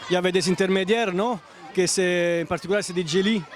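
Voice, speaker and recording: A man's voice: sits high, fairly even intonation, fast. A man gives a street interview at an outdoor festival, often hesitating and searching for his words. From Italy. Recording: crowd and noise outdoors.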